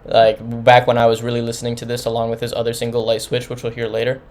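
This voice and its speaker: A man's voice: mid-range voice, monotone, fast, darkish tone. A man giving an informal, rambling album review, talking casually with many restarts. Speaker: music reviewer.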